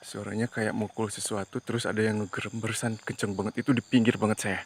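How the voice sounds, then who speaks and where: A man hosting a ghost-hunting vlog outdoors at night, talking to viewers in a tense, hushed way as he explores. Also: on the low side, level tone, quick pace, slightly rough. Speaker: paranormal investigator host.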